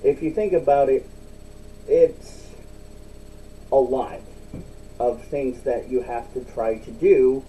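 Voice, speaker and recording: A man's voice: slow pace, pauses often, warm tone. A man giving a casual, rambling solo vlog talk with chewing tobacco packed in his lip, using repetitive, emphatic phrasing. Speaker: video blogger. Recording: distant mic, faint rumbling background noise.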